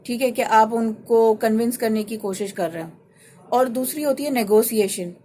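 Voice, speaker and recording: A woman's voice: fairly high pitch, warm tone, slight background noise. A woman with a Pakistani Urdu accent hosting a casual advice talk show on FM radio, explaining with homely examples and often checking "right?". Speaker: radio talk show host and life coach.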